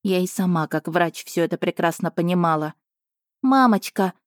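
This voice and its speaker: A woman's voice: on the low side, little pitch movement, brisk, no echo, clean studio sound. A woman narrating a first-person fantasy audiobook.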